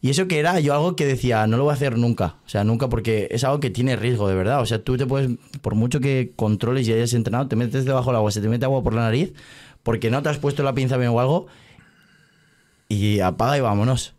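A man's voice: mid-range voice, quick pace, darkish tone. A young man in his twenties, a magician guest on a podcast, telling a story in casual chat with lots of fillers. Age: 20s. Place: podcast studio.

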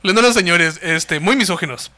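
Male podcast co-host, northern Mexican accent, high and very forceful bright tone, loose profane banter. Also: quick pace. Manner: slangy, profane, joking banter. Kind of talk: casual comedic chat.

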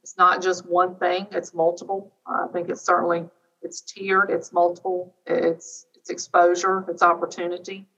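A woman's voice: on the low side, level tone, normal speed, a bit bright. A middle-aged woman giving an earnest, unscripted answer as an interview guest, hesitating and piling up lists. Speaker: educator, podcast guest. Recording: distant mic, slightly dull sound.

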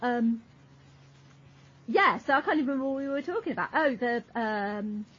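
With a slightly high, bright, somewhat rough voice and lively intonation at a moderate pace, this podcast co-host talks casually. She rambles, cuts herself off, and trails off mid-explanation, all captured in dull lo-fi audio.

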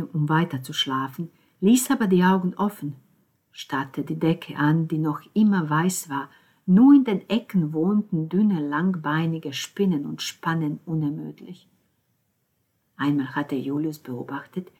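Slow, husky-voiced woman narrating. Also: low voice. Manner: calm and measured, dropping to near whispers. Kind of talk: audiobook narration.

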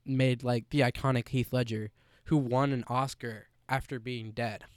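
A young man chatting on a podcast in a smooth, clear voice. He talks animatedly, packs his sentences with "like" and swears casually. The sound is dry and close, with no room echo. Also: mid-range voice, normal speed. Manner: animated, filler-heavy with many "like"s, swears casually. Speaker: podcast co-host. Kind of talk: casual chat.

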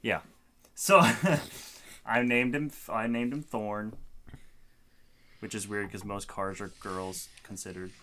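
A man's voice: fairly low pitch, steady tone, slow pace, pauses often, sharp tone. A man in his twenties co-hosting a casual podcast with friends, rambling, restarting sentences and laughing often. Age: 20s. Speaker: podcast co-host. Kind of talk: casual chat among friends.

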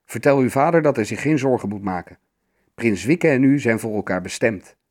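A man's voice: medium pitch, a little fast, a little mellow, close to an everyday voice. A man doing a fretful wise old troll. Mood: kindly. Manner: friendly, fretting with moans.

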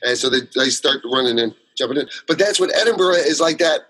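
A man's voice: a little high, expressive, quick pace, sharp tone, husky, low-quality recording. A man chatting as a guest about his solo theater work, telling long rambling stories full of fillers and restarts. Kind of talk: casual interview chat.

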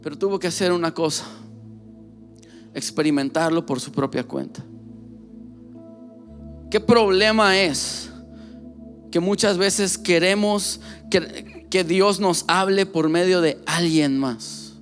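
A man's voice: sits high, slow pace, pauses often, a bit bright, soft background music. A male pastor preaching a sermon with passion, speaking straight to the listener and repeating phrases for emphasis.

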